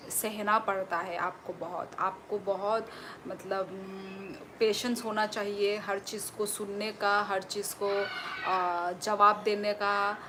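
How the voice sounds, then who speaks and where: A woman's voice: medium pitch, flat delivery, takes it slowly, hardly any pauses. A woman hosting a casual phone livestream, reading out viewers' comments and answering them in a chatty way. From Tripura, India. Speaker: live streamer. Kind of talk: casual live-stream chat. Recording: phone livestream with clear background noise.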